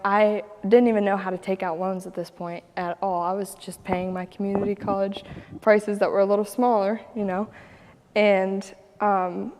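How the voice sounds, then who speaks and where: A young woman from Ohio tells her story in a relaxed, chatty way, breaking into laughs and acting out other people's lines. Her voice sits at an ordinary middle pitch. A long reverb hangs around her words. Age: young adult. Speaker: guest telling her story. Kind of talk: casual personal storytelling.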